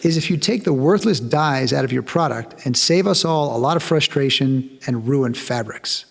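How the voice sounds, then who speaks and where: A sarcastic, exasperated cat owner griping about ruined carpets, as a keynote speaker puts him on. The voice is gravelly and husky and rings in a long hall echo. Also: male voice, mid-range voice, expressive, moderate pace. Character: angry male cat owner complaining.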